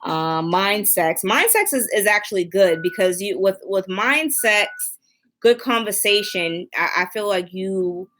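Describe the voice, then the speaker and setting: A woman's voice: medium pitch, measured pace, a bit bright, slight background noise. A young woman with a New York accent, co-hosting a casual chat podcast, candid and giggly, trailing off into ums. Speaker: podcast co-host.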